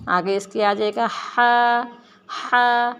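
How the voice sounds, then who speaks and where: A woman gives a Quran reading lesson at a patient pace. She explains how to shape the lips and tongue, then says each letter slowly with emphasis for the learners to repeat. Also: a little high, fairly even intonation, fairly bright tone, clear, resonant tone. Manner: drawn-out, emphatic letter sounds, explaining mouth positions. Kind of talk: slow, careful letter-by-letter pronunciation lesson.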